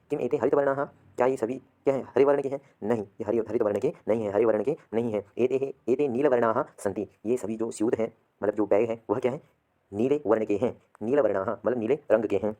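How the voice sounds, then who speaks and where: A man's voice: on the low side, fairly quick, warm tone. A man teaching a classroom lesson, repeating each word and asking and answering his own questions. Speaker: Sanskrit teacher. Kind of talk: classroom lesson explaining vocabulary.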